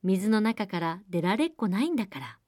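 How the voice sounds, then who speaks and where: A woman's voice: medium pitch, animated, brisk, darkish tone, no echo, clean studio sound, close to an everyday voice. Woman playing a spoiled young princess. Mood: haughty. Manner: haughty, dismissive, fretful. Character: spoiled young princess, haughty then flustered.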